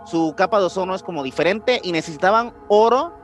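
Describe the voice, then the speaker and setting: A man with a Puerto Rican accent hosts a podcast in a high-pitched, animated voice, talking fast. He gives casual explanations peppered with slang and repeated phrases, and music plays behind him.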